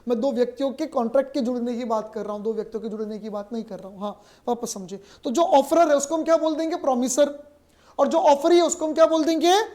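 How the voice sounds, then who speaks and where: A man teaching a class in a high, light voice. He poses questions, answers them himself and repeats the key terms. He keeps it playful, with joking asides between the points. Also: a little mellow. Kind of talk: classroom lecture.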